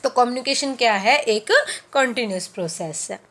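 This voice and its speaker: Woman, teacher, high voice, lecture, asks and answers her own questions, slows on key terms. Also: expressive, a bit bright. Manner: mixes in English terms, slows down on key phrases. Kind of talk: classroom lecture.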